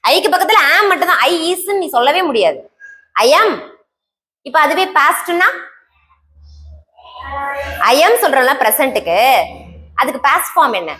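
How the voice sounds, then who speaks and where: Quizzing Tamil-accented woman teacher, high voice. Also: very animated, a little slow, long pauses, bright, forceful tone. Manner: quizzing, repeats key terms, answers own questions. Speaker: English teacher. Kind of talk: classroom grammar lesson.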